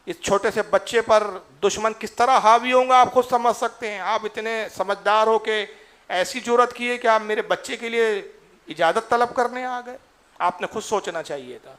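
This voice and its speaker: A man voicing a widowed mother who pleads for her only son, his voice rising to a strained high cry. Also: fairly bright tone. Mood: pleading.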